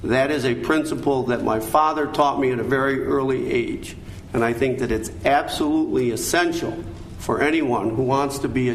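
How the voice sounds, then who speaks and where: An older American man speaking in a measured, earnest and formal way, as a candidate at a forum. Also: mid-range voice. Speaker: judicial candidate, attorney. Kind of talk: formal prepared statements and answers at a candidate forum. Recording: echoey room, background noise.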